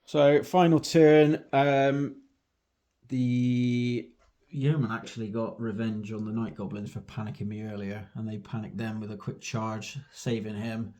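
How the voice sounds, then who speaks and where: A man's voice: on the low side, steady tone, measured pace, warm tone. Wry man recapping wargame turns. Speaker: wargamer narrating his army's turns. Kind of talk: casual tabletop battle report.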